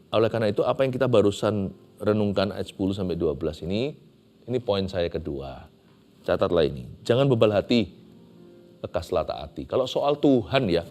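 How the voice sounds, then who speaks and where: A male pastor preaching an animated sermon, slipping English phrases into his talk. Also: fairly low pitch.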